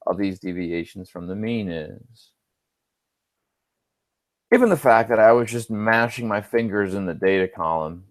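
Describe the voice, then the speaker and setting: Male instructor, low voice, dry close sound, casual screen-recorded homework walkthrough, thinks aloud with offhand jokes. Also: dry recording.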